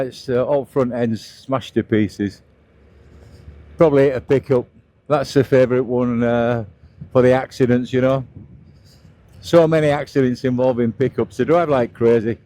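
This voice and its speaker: A man's voice: mid-range voice, warm tone. A middle-aged British man giving casual, plain-spoken running commentary as he rides a scooter outdoors. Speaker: motovlogger narrating a ride. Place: outdoors, riding a scooter on roads.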